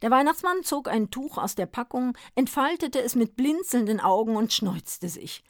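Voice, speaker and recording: A woman's voice: on the high side, lively intonation, normal speed, no echo, clean studio sound. Woman reading a story aloud. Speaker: narrator.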